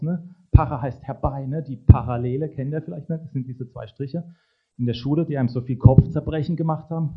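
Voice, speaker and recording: Male preacher, mid-pitched, conversational sermon delivery with frequent tag questions; slightly muffled lo-fi recording. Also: slightly rough.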